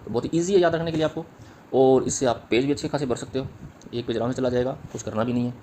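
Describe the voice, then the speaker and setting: A man's voice: medium pitch, quick pace, mellow, slight background noise. A man teaching literature in an exam-prep lecture. He explains step by step, repeats key points and taps out rhythms aloud. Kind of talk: exam-prep lecture mixing Hindi and English.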